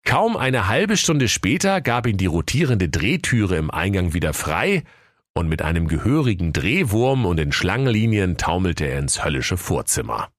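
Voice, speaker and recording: Deep-voiced man narrating a comic fairy tale. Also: very animated, moderate pace, no echo, studio quality. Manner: playful, theatrical.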